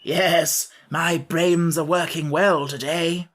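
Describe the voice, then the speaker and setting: A woman's voice: on the low side, expressive, moderate pace, breathy edge, pitched above the performer's own voice. Woman voicing a proud, kindly Scarecrow. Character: proud, good-natured male straw scarecrow.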